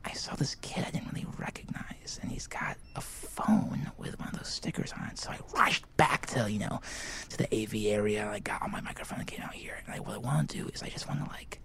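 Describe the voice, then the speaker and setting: A man's voice: on the low side, brisk, fairly bright tone. A man playing an awkward, eager teenage boy hosting a school podcast, whispering into a handheld mic in a library and rambling with lots of fillers. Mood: hushed excited. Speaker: podcast host. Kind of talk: scripted comedy podcast. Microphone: handheld microphone.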